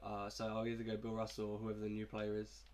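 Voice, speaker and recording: Speaking quickly in a lowish, monotone, slightly mellow voice, a young man with a cold coughs while casually walking through his game team for his YouTube gaming channel.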